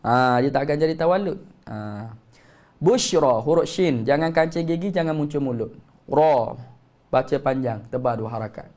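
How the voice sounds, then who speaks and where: A man with a Malaysian Malay accent teaching tajwid in a live-streamed lesson, patiently correcting and slowly demonstrating recitation. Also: medium pitch, lively intonation, darkish tone.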